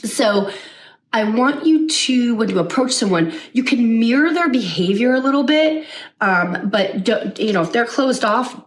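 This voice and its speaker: A woman coaching on social skills in an energetic, conversational way, often checking in with the listener. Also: on the high side, measured pace, far from the mic. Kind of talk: teaching to camera.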